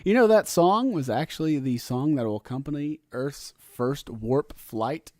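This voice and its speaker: A man co-hosting a podcast, chatting casually about movies in an animated, goofy way. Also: medium pitch, a little slow, no echo. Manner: animated, goofy, sings and does voices. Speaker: podcast co-host.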